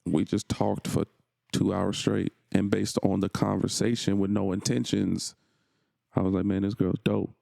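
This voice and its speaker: Gravelly low-voiced man telling a story. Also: level tone, measured pace, dark tone, no echo. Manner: laid-back storytelling, repeats and restarts phrases. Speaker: podcast co-host. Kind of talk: casual chat.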